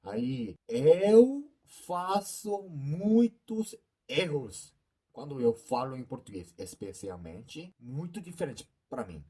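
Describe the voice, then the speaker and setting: A young man in his twenties from South Korea with a Korean accent, speaking a second language haltingly in a casual interview, often pausing to search for words. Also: a little high, very animated, mellow, breathy edge. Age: 20s. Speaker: interviewee, YouTuber.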